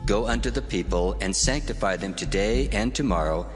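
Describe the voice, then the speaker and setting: A deep, solemn divine voice, issuing commands slowly in a dramatized scripture audio drama. The words roll out through a long, cavernous reverb with orchestral music swelling underneath. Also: male voice. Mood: commanding. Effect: reverberant divine echo.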